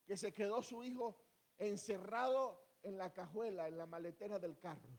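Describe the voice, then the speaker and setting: Brief: male pastor preaching, high voice, repeats phrases, asks the congregation questions. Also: a little slow. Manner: repetitive, rhetorical questions to the congregation. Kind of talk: sermon. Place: church, standing before a congregation.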